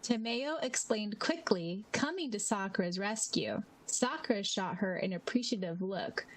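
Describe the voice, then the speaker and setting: A woman's voice: medium pitch, animated, a little slow, poor audio. A woman co-hosting a podcast in casual chat, reading listener comments aloud and laughing often. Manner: giggly, reads quotes aloud with small voice shifts. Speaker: podcast co-host.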